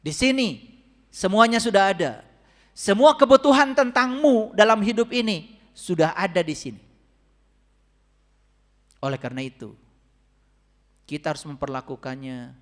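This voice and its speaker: High-pitched male preacher, audience-facing sermon, voice ringing in a reverberant hall. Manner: addresses audience directly with questions, swings between soft and loud. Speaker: religious teacher. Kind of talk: spiritual sermon to a congregation.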